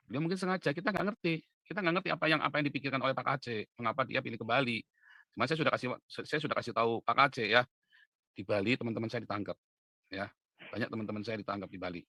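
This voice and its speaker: A man preaching in a casual monologue, dropping to low asides and then rising to loud, insistent urging, often ending with a tag question. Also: no echo. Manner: emphatic, swings from low asides to loud insistent urging, frequent "ya kan?" tags. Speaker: preacher and online commentator. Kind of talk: casual direct-to-camera monologue.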